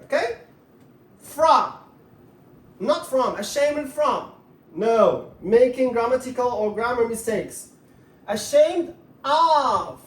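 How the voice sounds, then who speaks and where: A woman teaches an English grammar lesson to viewers, writing as she explains, repeating herself, asking them questions, and saying words one at a time. Her voice sits on the high side with lively intonation, she goes slowly with long pauses, and the mic is distant in an echoey room.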